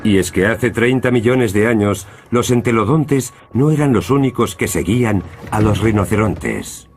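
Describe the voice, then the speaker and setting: Low-voiced male nature documentary narrator. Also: animated, moderate pace, faint music behind.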